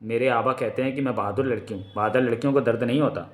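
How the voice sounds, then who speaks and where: A man's voice: mid-range voice, fairly even intonation, quick pace, natural voice. A man voicing an innocent, teasing little girl with a sweet, childlike way of talking. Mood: brave. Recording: roomy echo.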